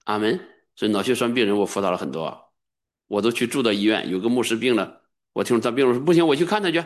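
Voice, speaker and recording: A middle-aged man preaching a sermon as a pastor, emphatic and sometimes bursting into high-pitched exclamations. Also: fast.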